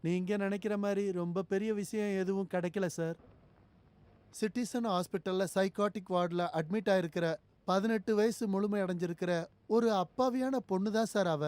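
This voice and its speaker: An actor playing a bumbling, fearful police constable who stammers and talks nervously, from a dubbed film. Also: male voice, high voice, fairly even intonation, moderate pace, darkish tone, clear, resonant tone, dry recording, lightly acted. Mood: nervous chatter. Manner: nervous, stammering, eager to please.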